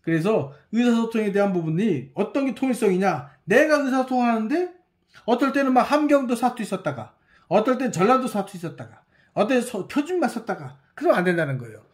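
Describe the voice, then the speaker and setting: A university professor giving a recorded lecture, repeating key words and checking understanding with quick rhetorical questions while writing on screen. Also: medium pitch, animated.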